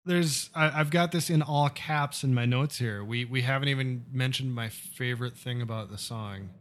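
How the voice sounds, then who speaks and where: A man's voice: medium pitch, normal speed. Chuckling man from Nebraska. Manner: laughs often, animated. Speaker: podcast co-host. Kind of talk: casual chat.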